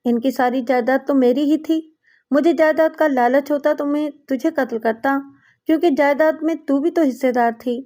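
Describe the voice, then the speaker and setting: A woman's voice: high voice, warm tone, close to an everyday voice. A woman voicing a hot-tempered, tormented young man in an audiobook, reading his lines with impassioned pleading. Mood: anguished.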